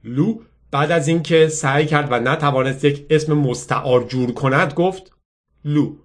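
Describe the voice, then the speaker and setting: Guy reading a book out loud, slightly high voice, drops in wry side comments. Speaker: book reader and podcaster. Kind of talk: audiobook reading with casual commentary.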